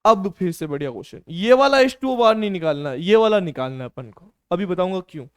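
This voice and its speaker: High, clear-voiced male chemistry teacher. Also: expressive, fast. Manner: quizzes students and answers his own questions, calls them "beta". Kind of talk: classroom lecture on a whiteboard.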